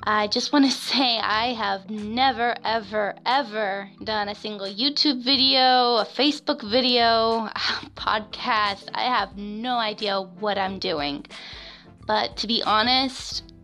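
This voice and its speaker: A woman in her twenties from West Florida in the United States hosts a casual personal podcast on her own. Her voice is high and girlish, and she sounds nervous and halting, filling pauses with ums and soft laughs while faint music plays behind her.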